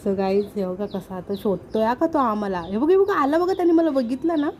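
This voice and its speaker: A woman with a slightly high voice chats excitedly in a home vlog. She talks playfully, straight to her viewers. Faint noise and bird chirps sit behind her. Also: fairly quick. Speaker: vlogger. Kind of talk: casual vlog chat. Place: home with a sofa.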